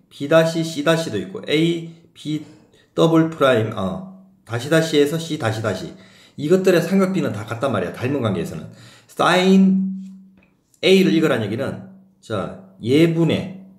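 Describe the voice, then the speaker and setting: Guy teaching math, a bit high voice, jumps around a lot in pitch, keeps asking if u got it. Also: reverberant. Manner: questions the students, often asks if they got it. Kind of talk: classroom math lecture.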